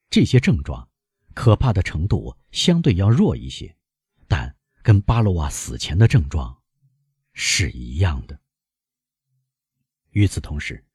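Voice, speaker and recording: A man narrating a novel in an expressive, dramatic reading. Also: low-pitched, slightly rough, dry recording, studio quality. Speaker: audiobook narrator.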